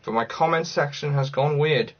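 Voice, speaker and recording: Hosting a casual livestream, a Cardiff man chats and rambles through viewer comments, thinking aloud. His pitch is fairly high and his pace moderate. The recording is lo-fi and slightly dull.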